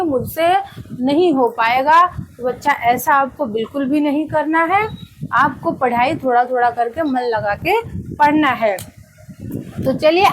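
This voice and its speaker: A woman teacher tells her students a story as a lesson, calling them children and often asking rhetorical questions. Her high-pitched voice is fairly bright. The low-quality recording carries a little hiss or hum.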